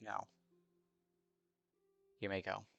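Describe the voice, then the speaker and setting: A man's voice: deep voice, monotone, extremely slow, vocal fry, fairly bright tone, muffled recording, faint music behind. A man running a tabletop game as game master, teasing his players dryly and slipping into a mock-formal tone.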